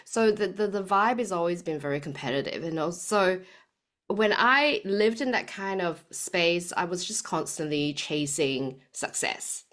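A woman's voice: fairly low pitch, animated, a little slow, a bit bright. A woman in her forties from Singapore with a Singaporean accent and a slight New Zealand tinge, chatting as a podcast guest with frequent fillers. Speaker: guest, health coach. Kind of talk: podcast interview.

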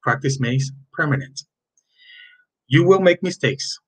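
Speaking at a measured pace with a breathy edge, a Cuban man in his fifties greets his students as their Spanish teacher in a recorded slide-based class intro. A native speaker with a Cuban Spanish accent, he sounds chatty and friendly, his voice a little high and expressive.

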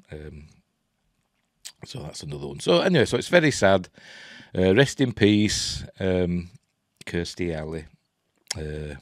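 Deep-voiced and recorded cleanly without echo, this sixty-something man speaks with a Yorkshire accent. He runs a film and TV news vlog and chats about the news in a casual, halting, rambling manner from a cluttered little room at home.

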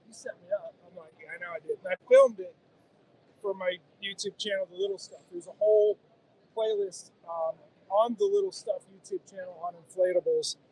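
Man in his forties, high-pitched voice, enthusiastic explainer, convention hall, phone mic. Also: breathy edge. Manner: enthusiastic, explanatory, gestures while talking. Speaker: guest kayak angler. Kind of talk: casual trade-show interview. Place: busy indoor convention hall. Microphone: handheld phone held by interviewer.

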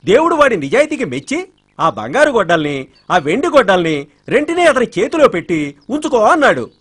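An actor playing a humble gardener who tells a child an earnest folk tale in a comedic film scene. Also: male voice, high-pitched, big pitch swings, brisk, fairly bright tone, husky, full character voice. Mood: earnest telling. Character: meek, earnest village gardener storyteller. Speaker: gardener telling a story.

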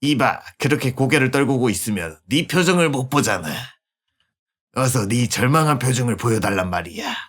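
Streamer as video game villain, theatrical gloating, mocking, sadistic gentleman, sharp bright tone, very animated. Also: mid-range voice, moderate pace, slightly rough. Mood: gloating, taunting.

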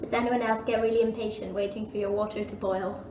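A young Scottish woman, a student vlogger, chats upbeat to the camera while cooking in a small kitchen for a casual cooking vlog. Her medium-pitched voice moves little in pitch and comes at a quick pace. The camera mic, handheld then propped up, catches an echoey room with faint background noise.

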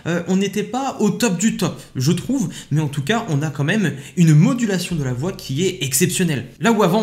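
A man presenting a casual tech tutorial, explaining step by step in a chatty way with lots of fillers. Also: fairly high pitch. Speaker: tech YouTuber testing an AI app.

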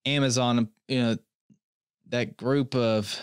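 A man's voice: mid-range voice, fairly even intonation, slow pace, clear, resonant tone, dry recording, clean studio sound. A young man hosting a comedy podcast, rambling in a mock-earnest way and often restarting his sentences. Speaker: podcast host. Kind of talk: comedic solo podcast monologue.

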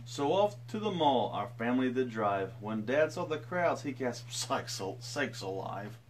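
A man's voice: very animated, normal speed, slight background noise. A man in his thirties, a father reading a picture book aloud to his daughter on a live stream, playful and breaking off for jokey asides. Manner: swings pitch widely, jumps high for quoted voices.

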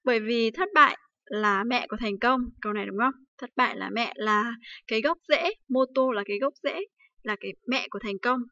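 Woman, Japanese teacher, livestream lesson, slightly high voice, dry dull recording. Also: fairly quick, sharp tone, no room sound. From Vietnam. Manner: asks rhetorical questions often, with many fillers.

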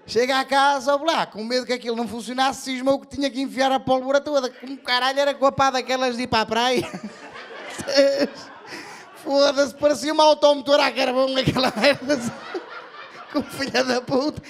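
A man's voice: very high voice, steady tone, normal speed. A man doing bawdy, profane stand-up comedy at a live bar show, speaking into a handheld mic.

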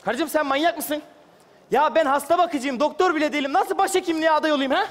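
Fast-talking exasperated male comic. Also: very high-pitched. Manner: exasperated, mocking, quick. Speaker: comedian playing a hospital orderly. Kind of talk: stage sketch comedy. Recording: live stage, hall reverb, audience.

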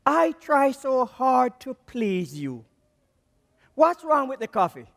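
A man's voice: very high voice, very animated, slow, gravelly, a bit bright, big-room sound, pitched above the performer's own voice, full character voice. A man voicing an anxious wife who pleads with her husband in rising questions. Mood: pleading.

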